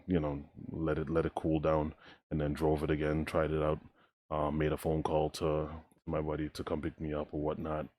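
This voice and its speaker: Very deep-voiced man, casual reaction commentary. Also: darkish tone, dry recording, studio quality. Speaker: host of a trailer reaction video.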